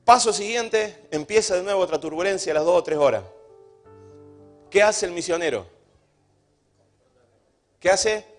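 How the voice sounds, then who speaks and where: A pastor with an Argentine accent, preaching a sermon emphatically with rhetorical questions and humorous stories. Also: male voice, sits high, expressive, moderate pace, pauses often, faint music behind. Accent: Argentine Spanish.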